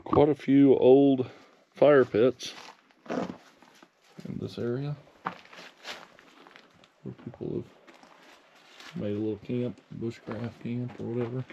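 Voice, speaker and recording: A man's voice: mid-range voice, flat delivery, slow, creaky, pauses often, lo-fi sound, background noise. A man narrating a hike outdoors in a forest in a laid-back, casual way, chuckling often. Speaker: hiking vlogger. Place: outdoors in a forest among boulders.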